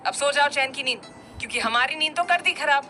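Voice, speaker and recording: A woman's voice: quick pace, pushed and bright, faint music behind. A woman voicing a stern, hot-tempered young man with a heavy voice who scolds his younger brother. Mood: angry. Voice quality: heavy deep-toned voice.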